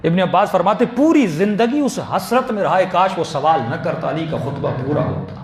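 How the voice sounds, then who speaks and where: A man's voice: sits high, expressive, crowd noise. A man preaching a Muharram sermon in a mosque, building through rhetorical questions to impassioned emphasis. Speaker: Shia cleric giving a Muharram majlis. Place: mosque hall. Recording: echoey mosque hall, faint ambience.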